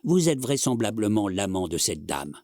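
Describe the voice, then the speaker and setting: A man voicing a flustered, timid gentleman who pleads in a panic. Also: lowish voice, big pitch swings, normal speed, dry recording, clean studio sound. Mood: pleading.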